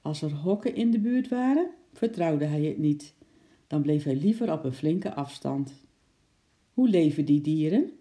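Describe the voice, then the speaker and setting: A woman reading a children's book aloud in a gentle storytelling manner. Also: sits low, animated, normal speed. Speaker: narrator.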